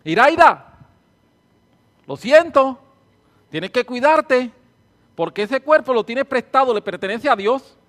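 A high-pitched man preaching. He sways between near-whispers and loud, fervent bursts, repeating his lines for emphasis and naming people in the congregation. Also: lively intonation, slow pace, pauses often. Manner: fervent, repetitive, swings from hushed to loud; calls out listeners by name. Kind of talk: sermon and spoken prayer.

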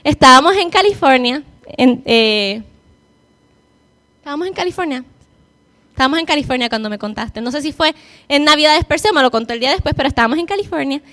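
A woman's voice: high-pitched, expressive, fast, a bit bright. A woman giving a heartfelt personal testimony to an audience, often repeating words for emphasis. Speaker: speaker giving a faith testimony.

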